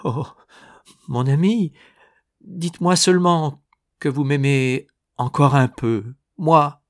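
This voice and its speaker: A man's voice: medium pitch, slow, no room sound, studio quality, close to an everyday voice. A man reading aloud, voicing an aging woman who pleads desperately and falters through tears. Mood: tearful. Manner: breathless, faltering pleas.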